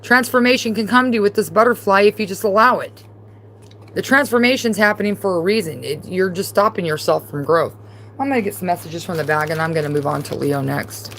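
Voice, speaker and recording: A woman's voice: mid-range voice, brisk, fairly bright tone, a little hiss or hum. Blunt, casual woman giving a tarot reading. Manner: casual, blunt and repetitive, talking straight to the viewer. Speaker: tarot reader. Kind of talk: live-streamed tarot reading.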